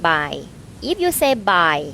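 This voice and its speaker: A woman's voice: racing, sharp tone, slight background noise. A woman in her thirties from Thailand with a Thai accent, teaching a conversational language lesson step by step and prompting her learner with questions. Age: 30s.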